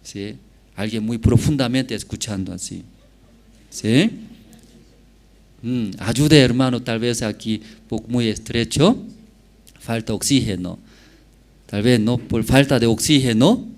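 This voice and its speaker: A male pastor preaching a sermon in a halting manner, often checking with the congregation and rising from quiet asides to loud emphatic exhortation. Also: mid-range voice. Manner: slow, halting delivery with frequent checks to the congregation.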